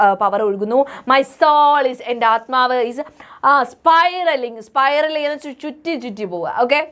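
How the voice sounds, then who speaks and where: A young woman with a Malayali accent teaching an online class, switching between Malayalam and English and half-singing the English lyric lines slowly. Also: fairly high pitch. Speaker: online tutor. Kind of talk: online class explaining a song.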